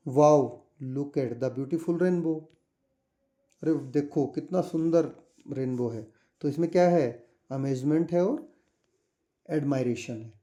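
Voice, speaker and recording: Indian man, tutor, patient step-by-step explaining, very dark mellow tone, slightly high voice. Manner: patient, repeats questions to the class. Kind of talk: explaining a school chapter.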